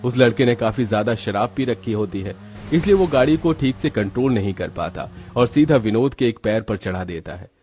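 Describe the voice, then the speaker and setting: A man narrating a story in a steady, scripted storytelling manner with a husky voice. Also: lowish voice, normal speed.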